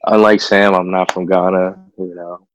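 A man's voice: sits low, flat delivery, moderate pace, fairly bright tone, a little hiss or hum, rough recording. A young man from the DMV area, chatting in a laid-back way as a podcast guest, with plenty of "you know.". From DMV area, United States. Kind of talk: casual chat.

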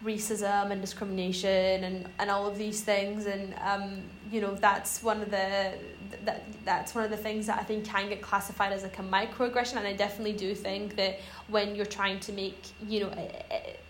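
A woman's voice: medium pitch, level tone, moderate pace, hardly any pauses. Chatty young woman from Iran, roomy sound. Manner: rambling, hesitant, many fillers. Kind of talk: casual podcast chat. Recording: roomy echo, faint noise.

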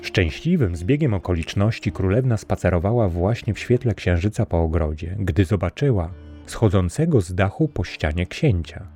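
A man reads a fairy tale aloud in a measured, steady storybook manner. His voice is deep and low. A faint music bed plays underneath. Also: slightly rough. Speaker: narrator.

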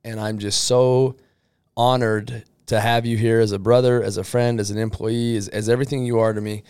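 A man's voice: fairly low pitch, level tone, normal speed, a little mellow, clean tone, no echo. A man hosting a casual interview, upbeat and effusive, rambling a little as he introduces his guest. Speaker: podcast host interviewing an employee.

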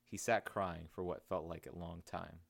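A man reading his own audiobook aloud in a steady, measured way. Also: low voice, creaky. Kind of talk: audiobook narration.

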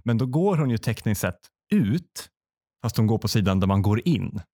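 A man telling a comic story in a deadpan way, acting out other people in quick quotes. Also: lowish voice. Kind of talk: comedic storytelling chat.

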